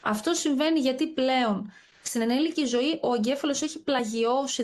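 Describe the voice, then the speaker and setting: A woman's voice: high-pitched, a little mellow. A woman neurologist as a podcast guest, explaining step by step in a precise, methodical way. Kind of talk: explanatory interview talk.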